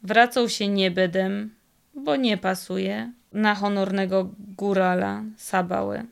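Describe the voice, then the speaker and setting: A woman voicing a cunning old highland fiddler who speaks in a slow, drawling Podhale dialect. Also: steady tone, gravelly, clear, resonant tone. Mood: uneasy musing. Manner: slow, drawling folksy speech.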